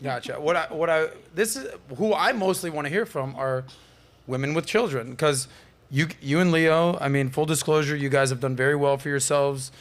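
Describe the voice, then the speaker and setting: A man's voice: on the high side, normal speed. A man in his forties hosting a casual panel podcast, cheering on his guests as he talks. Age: 40s. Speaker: podcast host.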